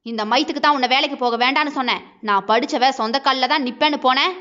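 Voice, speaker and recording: A woman's voice: high-pitched, fairly quick, pushed and bright. A woman voicing an angry, controlling husband who talks harshly and dismissively, in a dull lo-fi recording. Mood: scolding.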